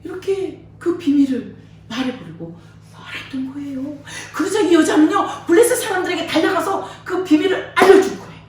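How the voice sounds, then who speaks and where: A woman preacher tells a Bible story to children with a lot of energy and frequent laughter. Her high voice swings widely up and down. She sounds far from the mic, and the church hall echoes heavily around her. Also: normal speed, slight background noise. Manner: lively, laughing, acts out voices.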